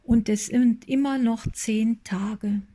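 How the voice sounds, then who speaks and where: A woman's voice: on the high side, steady tone, takes it slowly, warm tone. A woman reading the part of an exhausted male farmhand who mutters wearily to himself in a storybook. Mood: weary. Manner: weary muttering.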